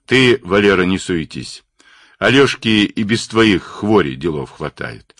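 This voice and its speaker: A man reading an audiobook, voicing a steady, authoritative male expedition leader. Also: sits low, measured pace, no room sound, studio quality, exaggerated voice. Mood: firm.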